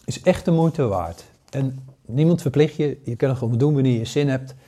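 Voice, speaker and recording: A man in his sixties gives a casual spoken lesson. His voice is warm and mellow, and his talk is full of fillers, restarts and hesitations. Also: medium pitch, moderate pace. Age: 60s. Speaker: paranormal course teacher.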